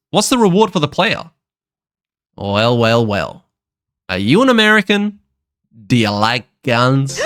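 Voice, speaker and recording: A young man with a sick voice narrating a game update video in a playful, joking way. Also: mid-range voice. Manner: playful, joking, animated delivery. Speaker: gaming YouTuber.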